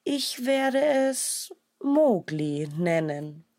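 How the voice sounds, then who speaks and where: A woman's voice: fairly low pitch, sing-song, very slow, dry recording, studio quality, full character voice. Woman playing a protective mother she-wolf. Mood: tender. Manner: soft and tender, turning fierce when defending.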